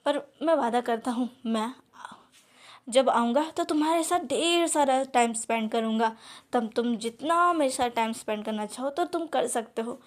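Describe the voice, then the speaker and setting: A woman voicing a kind young man who calms a child, reading a storybook. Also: a little high, normal speed, natural voice. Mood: soothing. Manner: soothing, reassuring. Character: gentle young man, kind older-brother type.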